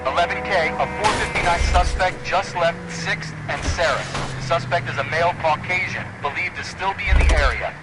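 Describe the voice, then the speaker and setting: An actor playing a businesslike American police radio dispatcher in a period game, speaking in clipped, procedural phrases. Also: male voice, fairly high pitch, normal speed, hardly any pauses, over loud music, close to an everyday voice. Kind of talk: 1940s police radio acting.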